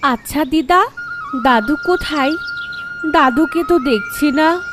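A man voicing a young village woman in a horror cartoon, calling out in high pleading cries. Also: takes it slowly, music in the background. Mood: curious. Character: young woman Nilima, frightened village granddaughter.

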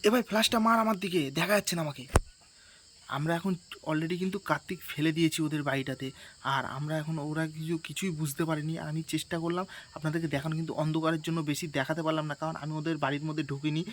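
A man vlogs on a dark street at night, talking quickly and keeping his voice low as he creeps along. His voice sits a little high, and he speaks into a handheld phone. Faint crickets and insects chirp behind him. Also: level tone, slight background noise. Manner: speaking quietly in a hushed voice while sneaking near a house. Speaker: vlogger. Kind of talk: casual vlog narration.

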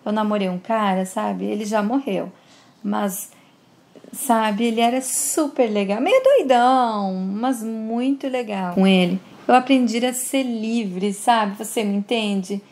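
A woman's voice: medium pitch, slow pace, a little mellow. A woman reading the lines of a young woman confiding about her past, in a wistful tone. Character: young woman opening up about a lost boyfriend.

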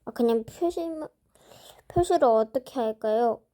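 Slow, musing woman drawing a map. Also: on the high side, expressive, mellow. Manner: slow, musing, talks to herself while drawing. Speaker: drawing vlogger. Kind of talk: casual narration while drawing a map.

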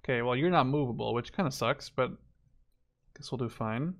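A Dutch man in his twenties, a gaming YouTuber, rambles through casual gameplay commentary, cutting himself off and swearing now and then. His voice is mid-range and fairly bright, at a normal speed.

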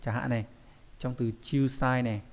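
A man's voice: medium pitch, fairly even intonation, a little fast, faint music behind. A man teaching a kanji lesson, explaining patiently and often checking that listeners follow.

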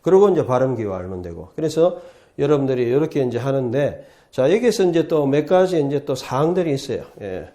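A man's voice: medium pitch, big pitch swings, brisk, warm tone. A man who teaches as a professor, giving a chatty, repetitive lecture at a writing board in a studio. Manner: chatty, repetitive, often starts with "자" and "예". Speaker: Hebrew professor teaching the alphabet. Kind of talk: casual classroom lecture.

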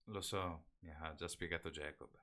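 A man voicing a calm, caring young man who speaks gently. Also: sits low, moderate pace. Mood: gentle.

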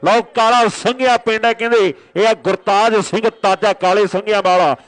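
Man, extremely high pitch, clean resonant tone, excited rural sports commentary, repetitive announcing. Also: fairly quick, poor audio. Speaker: kabaddi match commentator.

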